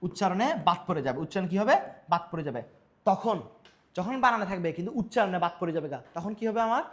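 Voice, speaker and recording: Male grammar teacher, high voice, self-quizzing and repetitive, coughs at times. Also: lively intonation, fast talker. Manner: asks questions and answers them himself, repetitive. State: coughing now and then. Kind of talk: grammar lesson.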